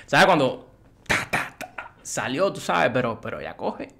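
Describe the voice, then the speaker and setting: Excitable man reacting to music. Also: medium pitch, a little slow, creaky. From Cuba. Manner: excitable, swears, keeps asking "you know what I mean". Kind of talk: casual reaction commentary.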